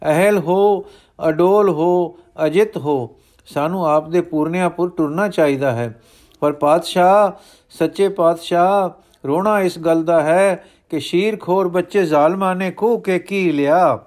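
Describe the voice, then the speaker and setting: A man's voice: high voice, measured pace, a little mellow. A man reading the part of a grieving, devoted older chieftain, earnest and reverent in manner.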